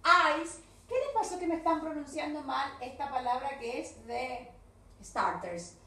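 Argentine woman, English teacher, high bright voice, roomy and distant recording. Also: expressive. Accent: Argentine Spanish. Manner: slow, drilled English words mixed with brisk Spanish explanations. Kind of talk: recorded video class feedback. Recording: echoey room, voice a bit far from the mic.

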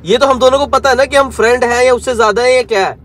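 A man's voice: very high-pitched, quick pace, a bit bright. A young man in his twenties, vlogging casually from inside a car, coaxing and teasing his girlfriend and then growing exasperated. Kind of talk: casual vlog chat while driving. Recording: faint outdoor traffic noise. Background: car and street sounds.

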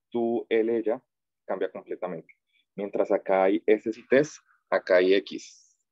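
A man teaching an online French class, drilling verb forms slowly and patiently. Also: on the low side, a little mellow, no room sound, muffled recording. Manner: slow, patient drilling of conjugations. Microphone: video call.

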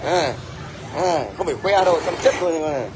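A man's voice: fairly high pitch, moderate pace, a crowd in the background. A middle-aged man with a Northern Vietnamese accent, ranting at a commenter on a livestream in a blunt, scolding way and often asking "thấy chưa?". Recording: faint background noise.

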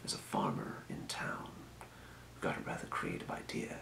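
A man murmurs in a slow, breathy whisper, voicing a helpful potion shopkeeper from an old-world fantasy world in an ASMR role play. He's quietly businesslike, calmly explaining and muttering to himself at a desk in a small room. The sound is roomy and his voice natural.

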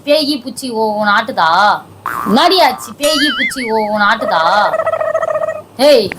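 Woman, nagging and scolding, fairly high voice, faint background hiss. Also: fairly bright tone, poor audio. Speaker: comedy video creator. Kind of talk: scolding home comedy sketch.

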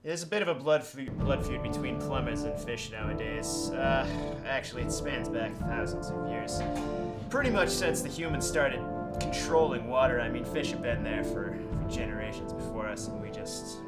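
A man's voice: mid-range voice, moderate pace, over loud music. A young man playing a plumber in a comedy sketch, talking matter-of-factly on the phone in a small office. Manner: matter-of-fact, with loud shouting outbursts. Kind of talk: deadpan comedy sketch acting.

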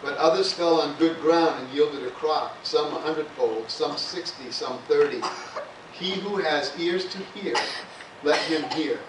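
With a measured pace and a slightly high voice, a pastor preaches a sermon in a relaxed, conversational way, punctuated by "amen" and "hallelujah." His voice is picked up from far off in an echoey sanctuary, with faint hiss underneath.

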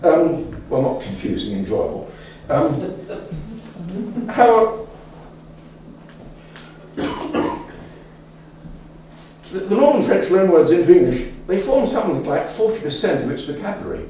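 An older man talks to a local society in a loose, rambling way, full of fillers and restarts. His voice sits a little high and moves a lot in pitch. It is recorded from a distance in a very echoey room, with faint room noise behind him. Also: sing-song, slow pace, long pauses, warm tone. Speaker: speaker giving a talk to a local society. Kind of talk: informal lecture. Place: meeting room with an audience.

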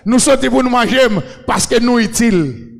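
A man with a Haitian accent preaching a shouted sermon, chanting and repeating a refrain over and over. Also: very high-pitched, animated, normal speed, gravelly. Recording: long echoing reverb.

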